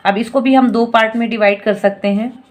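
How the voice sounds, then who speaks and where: Woman slowly spelling out fruit names. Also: a little high, fairly even intonation. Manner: slow, drawn-out syllable-by-syllable spelling; patient and instructive. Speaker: teacher giving parenting tips. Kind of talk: spelling lesson for parents.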